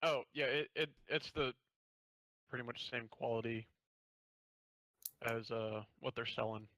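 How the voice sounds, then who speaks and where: A man's voice: medium pitch, a little slow, a bit bright, dry recording, low-quality recording. A man running a tabletop game as game master, narrating in a loose, rambling, sweary way.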